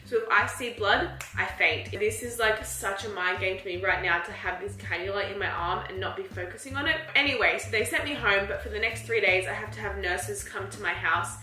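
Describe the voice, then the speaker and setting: A young Australian woman chats to her camera at home, her bright voice carrying a tired, unwell edge. She talks casually with plenty of "like" fillers and a self-mocking tone, in an echoey room. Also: mid-range voice, fairly quick, hardly any pauses. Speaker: vlogger. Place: home apartment, indoors. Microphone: handheld camera.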